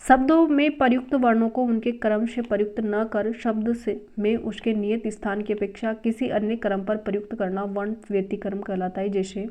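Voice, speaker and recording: A woman teaching a spelling and grammar lesson at a brisk pace, drilling word after word and naming each new word louder and higher. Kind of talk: exam-prep grammar lesson. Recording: dull lo-fi sound.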